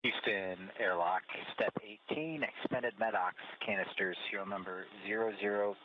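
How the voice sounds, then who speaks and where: A man's voice: lowish voice, normal speed. A male astronaut giving clipped, procedural checklist readouts over a space-to-ground radio transmission. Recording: muffled distant radio link.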